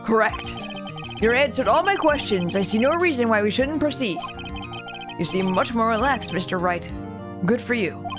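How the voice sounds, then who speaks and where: A woman voicing a very old male judge reading video game courtroom dialogue, formal and measured. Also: on the high side, expressive, over music, close to an everyday voice. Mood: solemn, formal. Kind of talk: video game voice-over read-along.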